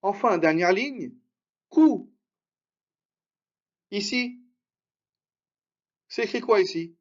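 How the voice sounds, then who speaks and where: A man teaching Arabic reading in a live online lesson, encouraging his students and drilling syllables slowly with much repetition. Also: sits high, lo-fi sound.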